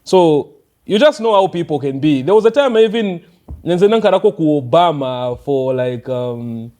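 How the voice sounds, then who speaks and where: Brief: young Zambian man, slightly high mellow voice, relaxed interview guest. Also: normal speed. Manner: relaxed, mixes English and local language, many fillers. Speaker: rapper guest. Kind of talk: casual interview chat.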